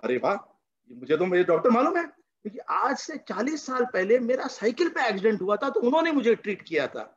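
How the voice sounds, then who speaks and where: A man's voice: sits high, very animated, brisk, husky, heavily acted. A man voicing a fussy elderly uncle who pesters with trivial questions, over lo-fi video call audio. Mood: nosy.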